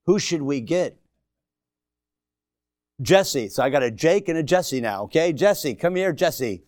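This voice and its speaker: A man's voice: fairly high pitch, lively intonation, a little slow, a little mellow, dry recording, clean studio sound. A man in his sixties preaching a sermon to a congregation, emphatic and exhorting, repeating phrases for effect. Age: 60s. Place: church before a congregation.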